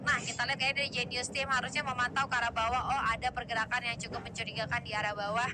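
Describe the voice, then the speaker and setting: Female esports announcer, high pitch, rapid play-by-play, loud noise behind. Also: flat delivery. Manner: game announcer play-by-play with English gaming terms mixed in. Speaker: esports shoutcaster. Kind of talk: live mobile battle royale match commentary.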